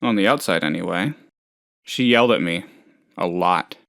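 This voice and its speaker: A man voices a hapless, trusting, lonely oddball in video game dialogue, rambling in a hesitant, naive, chatty and good-natured way. He sounds hesitant and wounded. His low voice has vocal fry and a slight brightness at a moderate pace, recorded as clean studio sound with no room ambience.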